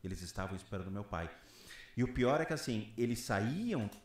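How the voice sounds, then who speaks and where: A man calmly recounting a ghostly childhood experience in a played video clip. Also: on the low side, brisk. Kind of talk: recounted paranormal story. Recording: roomy clip played back.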